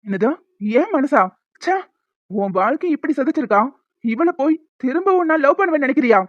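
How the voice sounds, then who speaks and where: A woman voicing a hot-tempered young man in a cartoon, scolding and quick. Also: sits high, expressive, no room sound. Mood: angry. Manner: scolding, fast. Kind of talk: cartoon dialogue. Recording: dull lo-fi dry sound.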